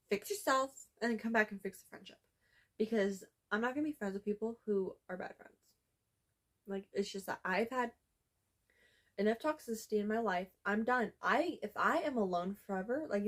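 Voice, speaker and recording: A young woman in her teens reading her old journal aloud, candid and blunt, with sarcastic asides and casual swearing. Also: mid-range voice.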